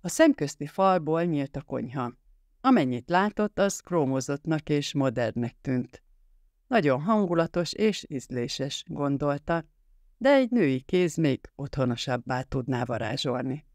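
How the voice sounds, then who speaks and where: A man narrating an audiobook in a measured storytelling way. His voice sits slightly high for a man. The close studio recording is very dry, with no room sound. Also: expressive, darkish tone, dry recording.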